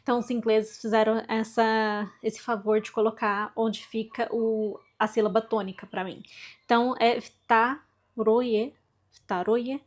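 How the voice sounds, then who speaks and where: Woman, casual study vlog, slightly high voice, slow unhurried pace, chatty, self-deprecating. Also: flat delivery. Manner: chatty, self-deprecating, thinking aloud while reading Russian. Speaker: book vlogger.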